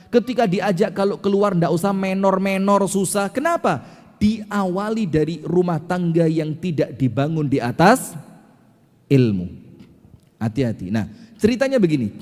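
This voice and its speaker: A man preaching a sermon, telling stories with lively acted voices and joking with his audience. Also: high-pitched. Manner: lively storytelling, acting out characters, joking with the audience. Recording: long hall reverb.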